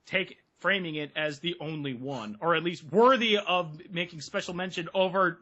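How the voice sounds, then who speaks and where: A man co-hosting a podcast, chatting casually with sarcastic, animated commentary. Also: fairly high pitch, normal speed, muffled recording. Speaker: podcast co-host.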